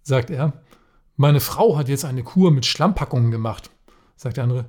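A man's voice: medium pitch, animated, moderate pace, a little mellow. A man co-hosting a podcast, reading jokes aloud in casual chat and often cracking up while telling them. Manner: reads jokes aloud, often breaking into laughter. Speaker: podcast co-host.

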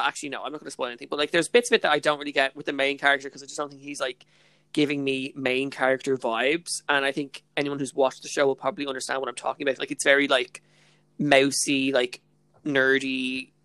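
Her voice rumbles low with a slightly bright edge, captured in a dry recording. This young Irish podcast co-host gushes through casual chat, leaning heavily on filler words like "like" and "literally."

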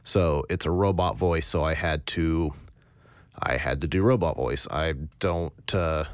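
A man in the role of sound designer, explaining his process in a casual tutorial with a low, monotone voice, hesitant and thinking aloud. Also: a little slow, smooth, no room sound.

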